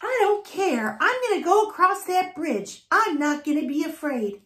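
A woman voicing a small, brave little billy goat who talks in a squeaky, pleading way. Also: big pitch swings, normal speed. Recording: echoey room.

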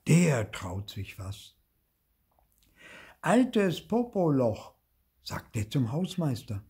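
A man's voice: fairly low pitch, slow pace, slightly rough. Older man reading a children's story. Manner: lively, expressive reading with voiced dialogue. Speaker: storybook reader.

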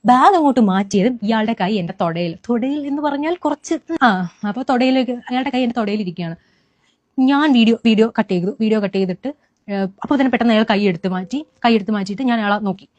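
Speaking as an eyewitness, a young woman from Kerala recounts her experience in the first person, quickly and animatedly with many restarts. Her voice leans high, and the dry recording has its highs cut off.

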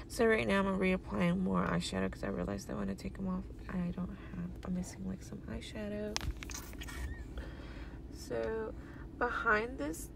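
A young woman with a very gravelly, creaky voice talks her way through a casual makeup voiceover. She sounds sleepy and rambles with plenty of fillers at an average pitch. Steady background noise hums under the recording. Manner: chatty, rambling, many fillers. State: sleepy, yawning. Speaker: beauty vlogger.

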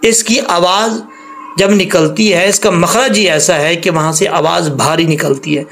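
A man's voice: sits high, fairly even intonation, measured pace, a bit bright, slight background noise. A man teaching an online recitation lesson, explaining patiently and repeating points, stretching out syllables to demonstrate pronunciation.

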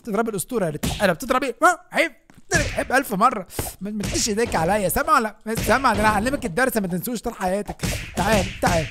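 A young man with an Egyptian Arabic accent giving excited gameplay commentary as a gaming YouTuber, often shouting and laughing. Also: high voice, very fast, background noise.

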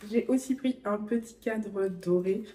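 A young woman talks casually to her viewers as a vlogger, addressing them directly and chattily. Her voice is soft and mellow, with a slightly breathy, husky edge. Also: mid-range voice, unhurried. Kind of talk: casual vlog chat. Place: at home.

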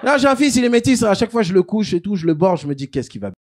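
A man in his thirties doing stand-up in a comedy club, animated, swinging between loud bursts and low asides. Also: rapid-fire. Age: 30s. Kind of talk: stand-up storytelling.

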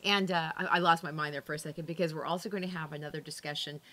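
A woman's voice: low voice, steady tone, bright, forceful tone. A woman hosting a casual real estate update, chatty and upbeat, often chiming in. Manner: chatty, upbeat, quick to chime in. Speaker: real estate agent and show host. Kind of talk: casual market-update chat.

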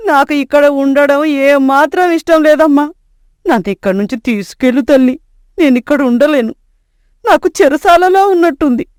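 A woman's voice: high-pitched, normal speed, darkish tone, dry recording, clean studio sound, natural voice. A woman voicing a poor, homesick old village grandmother in a storybook tale, with a pleading, aged manner. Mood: distressed. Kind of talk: storybook voice acting.

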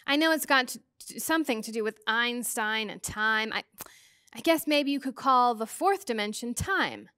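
An unsure, easily frustrated young teenage girl, hesitant as she works things out, as a woman reads her aloud. The voice is fairly high and dry. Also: animated, normal speed, bright, forceful tone, smooth, dry recording.

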